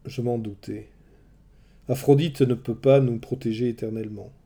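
A man reading a storybook, voicing a beautiful woman who speaks softly and wearily. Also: medium pitch, level tone, measured pace, close to an everyday voice. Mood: weary. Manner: soft, weary. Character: beautiful woman, weary and regretful.

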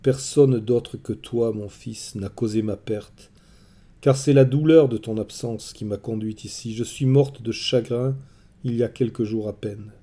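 A man's voice: mid-range voice, fairly even intonation, a little slow, mellow, lightly acted. A man reading the tender, sorrowful lines of a loving mother's ghost, with little change from his own voice, in a storybook reading.

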